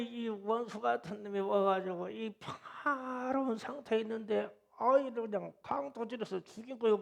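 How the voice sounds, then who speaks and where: A middle-aged male pastor delivers a Friday prayer-meeting sermon, retelling a vision with deep emotion. His voice is gravelly and sits a little high for a man. He speaks slowly, stretching out his phrases. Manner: emotional storytelling, rising to loud wailing.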